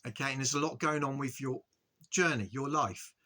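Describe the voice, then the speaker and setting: A man giving an earnest, halting spiritual monologue to his viewers, often stopping to ask "okay?" and restarting his sentences. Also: mid-range voice, sharp tone. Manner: earnest, repetitive, frequent "okay?" check-ins. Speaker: spiritual video host.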